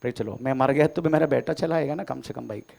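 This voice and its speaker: A male pastor preaching a sermon, dropping to low murmurs and rising to high shouted declarations, often saying "praise the Lord". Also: fast talker, gravelly.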